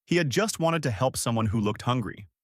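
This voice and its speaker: A man giving scripted narration of a science fiction story in a steady storytelling manner. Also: medium pitch, fairly quick, no room sound, studio quality.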